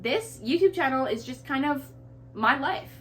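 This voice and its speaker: A woman's voice: high voice, expressive, normal speed, a bit bright, slight background noise. A woman in her twenties from Canada, talking earnestly and casually to camera with lots of "like" fillers as she gives life advice. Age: 20s. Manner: chatty and earnest, with frequent "like" fillers. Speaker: lifestyle creator.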